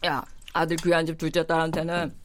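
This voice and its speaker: A woman's voice: sits low, completely flat delivery, fairly quick, natural voice. An actress in her thirties playing a blunt, cheeky, food-loving woman who also narrates in a radio drama. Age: 30s. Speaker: narrator and lead.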